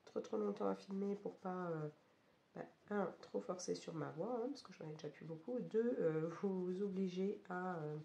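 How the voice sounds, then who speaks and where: Hoarse woman, creaky and low, vlogger. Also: normal speed, warm tone, highs cut off. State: hoarse, broken voice from a cold. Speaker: craft vlogger. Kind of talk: casual vlog chat about colouring. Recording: roomy echo, faint background noise.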